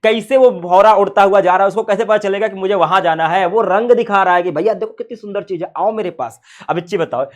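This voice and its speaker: Man, high voice, playful teacher, rhetorical questions. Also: quick pace, few pauses. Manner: playful, asks rhetorical questions, calls students "son". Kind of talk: classroom science lecture.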